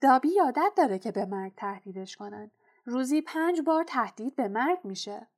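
Woman doing Dobby, a squeaky fretful house-elf. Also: animated. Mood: resigned. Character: small pitiful male house-elf, anxious and devoted.

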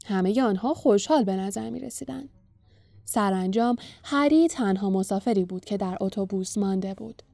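A woman narrating a storybook in a calm, even reading voice. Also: medium pitch, creaky, no room sound. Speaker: audiobook narrator.

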